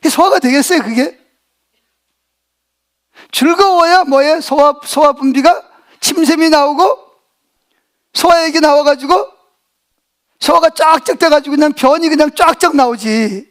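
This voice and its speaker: A man's voice: very high voice, measured pace, pauses often. A middle-aged male pastor preaching a sermon, folksy and joking, who keeps asking the congregation questions and having them answer back.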